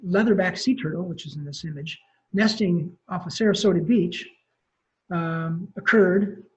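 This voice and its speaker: A man, a wildlife ecology professor, giving a casual lecture full of ums and self-corrections. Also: sits high. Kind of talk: conversational lecture. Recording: muffled lo-fi webinar audio.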